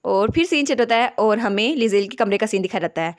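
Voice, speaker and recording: A woman narrating a comic story in a lively, chatty retelling. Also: medium pitch, quick pace.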